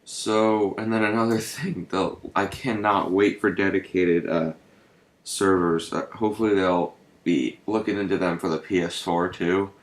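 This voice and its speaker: A man's voice: deep voice, fairly even intonation, a little slow. A young man rambling through gameplay commentary, hesitant and full of ums and swearing, shivering from the cold in his room. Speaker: gaming channel host. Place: bedroom with a fan running. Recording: echoey room with loud noise.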